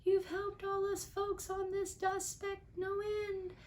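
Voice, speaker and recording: Teeny little mayor creature from a storybook, super high and piping, slow, friendly and earnest. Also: female voice, completely flat delivery. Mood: grateful. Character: tiny friendly grateful town mayor, small creature.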